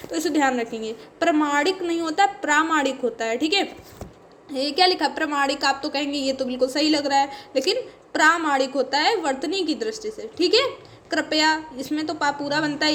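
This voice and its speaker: A woman's voice: high voice, a bit bright, slight background noise. A woman teaching a spelling lesson for exam preparation, explaining patiently and checking in often with her students. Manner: explains patiently, says "ठीक है" constantly.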